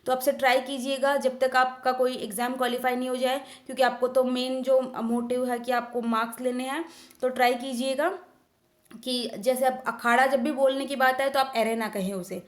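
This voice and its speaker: A woman's voice: high-pitched, flat delivery, normal speed. A young woman teaching exam vocabulary in a chatty way, explaining each word with everyday examples. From India. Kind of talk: casual Hindi-English vocabulary lesson.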